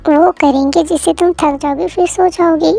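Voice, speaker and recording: A woman's voice: very high-pitched, fairly even intonation, moderate pace, gravelly, warm tone, soft background music. A woman doing a sleepy grumbling young husband. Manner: tired, grumbling, exasperated. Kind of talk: Hindi fan audio drama.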